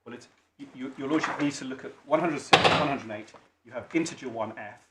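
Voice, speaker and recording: A British man making formal legal submissions as a barrister, deferential and learned, often halting and repeating his phrases. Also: mid-range voice. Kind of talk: formal courtroom legal argument. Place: indoor courtroom. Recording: echoey courtroom with faint background noise.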